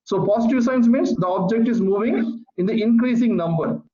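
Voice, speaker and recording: High-pitched guy lecturing physics online, slow and repetitive, roomy dull sound. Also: background noise. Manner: repetitive, patient explaining. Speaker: teacher. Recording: echoey, muffled online call audio.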